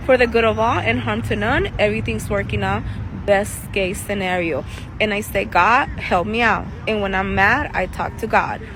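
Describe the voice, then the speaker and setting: Speaking at a medium pitch, a Salvadoran woman who works as a tarot reader and life coach addresses the camera casually from a city park. Earnest and relaxed, she laughs a lot and keeps restarting sentences, while passing cars and city noise come through in the outdoor recording.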